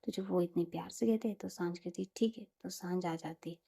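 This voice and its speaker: A woman retells a romance story in a relaxed, conversational manner, frequently slipping into whispers. Her voice is on the low side, slightly rough with vocal fry, and she talks fast.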